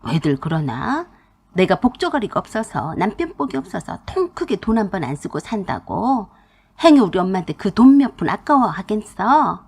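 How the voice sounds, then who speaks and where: Brief: woman playing a domineering middle-aged sister-in-law, husky voice, nagging in swinging tones. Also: mid-range voice, sing-song, normal speed, a little mellow. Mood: defensive.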